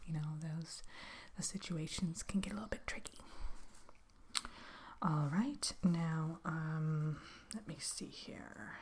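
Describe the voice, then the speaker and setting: A woman in a whispered role-play, playing a chatty, polite fairy tale interviewer with a hesitant, conversational, softly questioning manner. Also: deep voice, slow, husky. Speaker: ASMR role-play performer.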